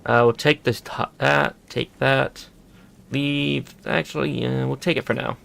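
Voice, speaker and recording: Man streamer, gravelly, casual muttered play-by-play. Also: mid-range voice, fairly even intonation, a little slow, a bit bright. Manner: muttering, thinking aloud while looting. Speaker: gameplay streamer. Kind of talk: casual gameplay commentary.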